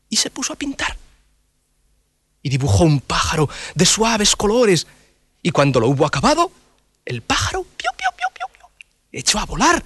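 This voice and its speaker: Animated man telling a children's tale. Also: high-pitched, slightly rough, no room sound. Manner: animated, playful sound effects and sing-song. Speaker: storyteller. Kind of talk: children's story narration.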